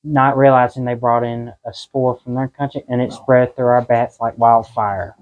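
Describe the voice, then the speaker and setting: A man's voice: mid-range voice, flat delivery, moderate pace, narrow, tinny audio. A man giving an informal, folksy guided tour inside a cave, in a conversational way.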